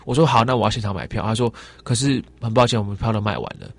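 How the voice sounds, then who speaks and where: A quick, lively man speaking with a Taiwanese Mandarin accent, guesting on a podcast. He tells travel stories with animated energy and acts out the dialogue. The recording is dry and close, with no room sound. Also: fairly low pitch, vocal fry, no room sound. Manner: animated storyteller, acts out quoted exchanges. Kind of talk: casual chat.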